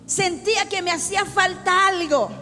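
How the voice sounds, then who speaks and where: A middle-aged woman pastor preaching a fervent sermon, rising into shouts at times. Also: extremely high pitch, moderate pace. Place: church sanctuary. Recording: long church reverb with faint music.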